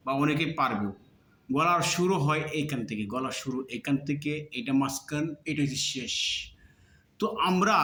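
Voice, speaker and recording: Man, patient teacher, slightly high voice, sound drills, echoey room. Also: bright, forceful tone. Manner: demonstrates sounds by drawn-out repetition. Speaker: teacher of Arabic letter pronunciation. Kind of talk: slow instructional lesson.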